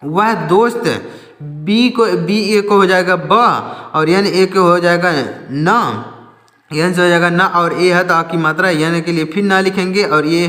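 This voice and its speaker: A man teaching a slow reading lesson, spelling words out letter by letter, asking and answering his own questions and often correcting himself. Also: sits high, steady tone, fairly bright tone, echoey room, long reverb tail.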